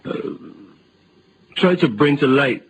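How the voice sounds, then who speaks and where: A man's voice: on the high side, expressive, slow, a bit bright, a little hiss or hum, low-quality recording. A man from Barbados, a guest on a radio interview, who talks hesitantly and repeats words.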